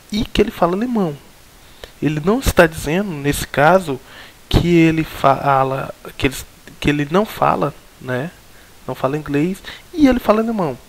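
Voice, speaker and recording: A man with a Brazilian Portuguese accent teaching a recorded logic lesson, explaining step by step with many fillers and restarts. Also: fairly high pitch.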